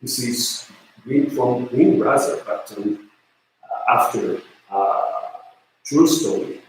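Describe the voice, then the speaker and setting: Slow, halting man with a Japanese accent. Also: medium pitch, roomy sound, a little hiss or hum, poor audio. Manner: hesitant, many fillers and restarts. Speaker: university lecturer. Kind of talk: online lecture.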